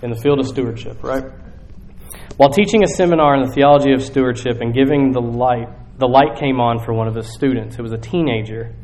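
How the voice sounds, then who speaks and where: A man preaching a sermon in a relaxed, conversational way, often checking in with his congregation. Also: mid-range voice, brisk. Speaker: pastor. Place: church sanctuary. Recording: very echoey hall.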